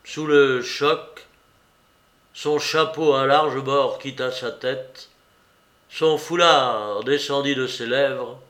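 A man narrating a classic detective story as an audiobook reader, in slow, deliberate scripted narration. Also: mid-range voice, fairly even intonation, a bit bright, echoey room.

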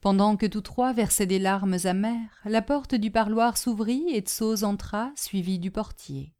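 A woman narrating a storybook in a steady, expressive reading voice. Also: medium pitch, a little slow.

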